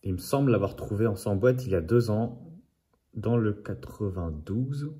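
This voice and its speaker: A rather low-voiced man chats casually about his collection of model cars. He rambles, repeats himself and trails off into asides. His delivery is loose and conversational. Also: normal speed, mellow. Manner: rambling, chatty, often repeats "voilà"; apologises for his own accent. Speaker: toy car collector. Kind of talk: casual unboxing chat.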